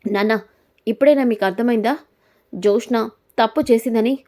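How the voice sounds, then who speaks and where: A woman's voice: a little high, fairly quick, warm tone, lightly acted. A woman voicing a grown son who firmly confronts his father and his daughter. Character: grown son, firm and accusing.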